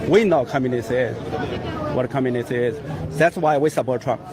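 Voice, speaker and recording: A man's voice: medium pitch, normal speed, a crowd in the background. A man from China, answering a street interview firmly in broken phrasing.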